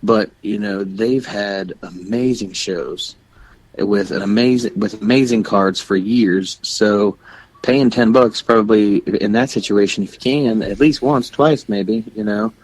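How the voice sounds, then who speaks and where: A young man co-hosts a podcast in a relaxed, rambling way. His voice sits a little low. He often restarts his sentences and stops to plug shows and websites. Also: a little slow, breathy edge, rough recording. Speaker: podcast co-host. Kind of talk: casual chat.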